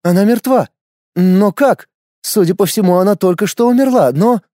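A man's voice: high-pitched, moderate pace, warm tone, no echo, clean studio sound, pitched above the performer's own voice, lightly acted. A man voicing a cold, scheming female elf commander who speaks in an icy, commanding, contemptuous way. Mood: feigned shock.

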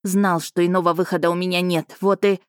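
Audiobook: woman reading a furious captive heroine, lowish voice. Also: little pitch movement, fairly quick, clear, resonant tone, no echo, studio quality, lightly acted. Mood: defiant.

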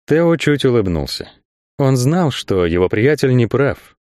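A man reading fiction aloud as an audiobook narrator, measured storytelling. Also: mid-range voice, big pitch swings, darkish tone, no echo, studio quality. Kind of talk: scripted narration.

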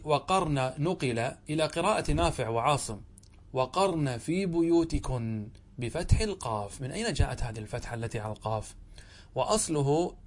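A man with a somewhat high voice gives a grammar lesson as a sheikh and works through a classical text. He puts questions to the class and then answers them. He draws out each example word slowly and repeats it.

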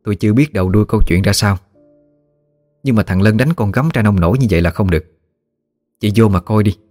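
A man's voice: on the low side, quick pace, darkish tone, no echo, studio quality, soft background music, lightly acted. A male storyteller voicing a firm, protective middle-aged mother. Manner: firm, reasoning.

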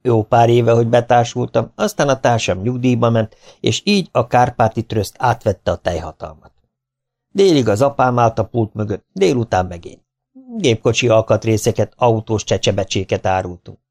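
With a mid-range, slightly mellow voice, a male audiobook reader narrates a memoir. His storytelling has a dry, wry quality.

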